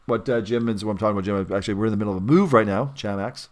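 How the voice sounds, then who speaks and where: A man's voice: fairly low pitch, racing. A man hosting a live card-breaking stream, talking in a chatty, rambling way with frequent self-corrections. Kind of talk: casual live-stream chat.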